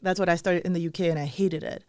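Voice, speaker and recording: A young woman with a Russian accent tinged with British English chats as a podcast guest. Her voice is smooth and resonant, and the sound is close and dry. She rambles in a friendly way, with lots of "like" and "um". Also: on the low side, steady tone, fast, warm tone, no room sound. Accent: Russian, with some British English. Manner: chatty storyteller, many "like" and "um" fillers. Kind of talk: casual interview chat.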